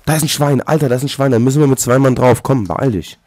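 A man hosting a Let's Play, chatting casually with a co-op partner, excitable and joking, often exclaiming. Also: medium pitch, fast talker. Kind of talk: casual co-op gaming chat.

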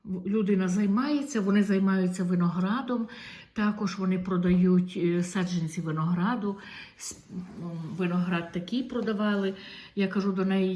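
A middle-aged woman from Ukraine talks to her viewers in an easy, homely chat. Her voice sits at an ordinary middle pitch, and she draws out her words in a warm, talkative way. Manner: chatty and homely, drawn-out words. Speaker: vlogger showing tomato seeds. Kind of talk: casual chat to camera.

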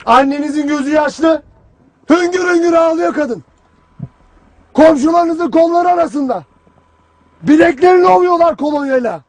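An actor playing a stern, harsh army commander who berates his soldiers in a cold, clipped, shouted delivery. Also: extremely high pitch, moderate pace, long pauses. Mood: lecturing. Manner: cold, relentless, clipped questioning. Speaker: military commander. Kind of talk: film drama acting.

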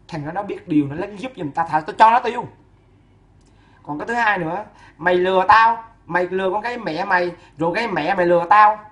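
A woman delivers a long, furious scolding rant. She fires off insults at a rapid clip, in a fierce, sing-song rhythm. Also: mid-range voice, fairly bright tone. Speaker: woman ranting at a neighbor. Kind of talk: ranting scolding monologue.

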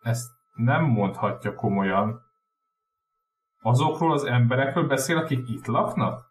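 A man's voice: medium pitch, recorded from a distance, natural voice. A man doing a stammering stern old professor woman. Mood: indignant. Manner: stammering when upset. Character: stern, anxious older female professor. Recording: roomy room echo.

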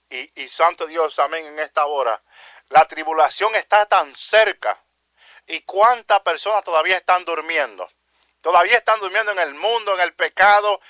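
A man's voice: on the high side, sharp tone, no room sound. A man preaching a fervent evangelical sermon, repeating phrases and peppering his speech with exclamations of praise while addressing his listeners as brothers. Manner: peppers speech with "aleluya" and "santo Dios", addresses "mi hermano"; impassioned, repetitive preaching cadence.

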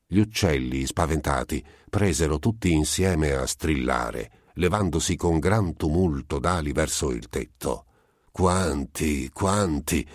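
A man narrating an audiobook of a classic story in a measured, deliberate reading. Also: a bass voice, expressive, no echo, studio quality. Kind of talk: scripted literary narration.

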